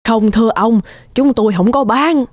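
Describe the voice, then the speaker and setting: A woman voicing a kind old farmer's wife in a cartoon, fussing warmly. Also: a little high, moderate pace, dry recording, close to an everyday voice. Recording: cartoon with music behind.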